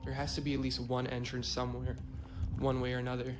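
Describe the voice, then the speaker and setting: A man exploring an abandoned site, narrating his camera footage in a low, tense voice. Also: completely flat delivery, fast talker, music in the background. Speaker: urban explorer filming himself. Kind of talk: hushed vlog commentary. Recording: field footage with loud ambient noise.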